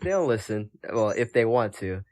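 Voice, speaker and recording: A man's voice: on the low side, expressive, moderate pace, a little mellow. A young man hosting a casual podcast chat over a voice call, hesitant, with many ums and laughs. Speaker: podcast host.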